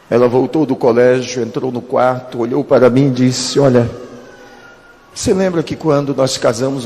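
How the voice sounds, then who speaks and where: A man's voice: mid-range voice, a little mellow. Male pastor, earnest testimony storytelling, mid-range voice, echoing hall. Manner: earnest storytelling, addresses listeners as beloved. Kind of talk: preached personal testimony.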